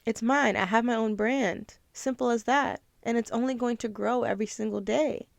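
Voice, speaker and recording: A woman's voice: on the high side, steady tone, moderate pace, creaky. A young woman hosting her own podcast, talking in an earnest, emotional, motivational way, close to tears at times. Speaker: podcast host. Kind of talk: casual motivational talk.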